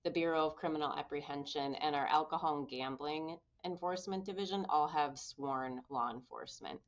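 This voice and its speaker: Low-voiced woman, candid and brisk. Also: muffled recording. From Minnesota. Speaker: guest, public safety communications official. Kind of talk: conversational interview.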